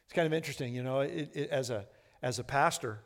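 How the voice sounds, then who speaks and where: A man in his sixties preaching a sermon as pastor, earnest, often repeating words, moving between hushed lines and fervent ones. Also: mid-range voice, fast talker, big-room sound. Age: 60s.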